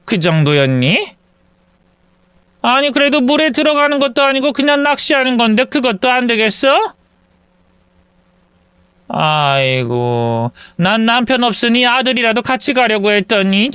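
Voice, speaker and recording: A man putting on a shrill, nagging old mother-in-law. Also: very animated, unhurried, pauses often, a bit bright, clear, resonant tone, no echo, exaggerated voice. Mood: scolding. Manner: shrill, self-pitying wailing. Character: bitter, domineering older mother-in-law.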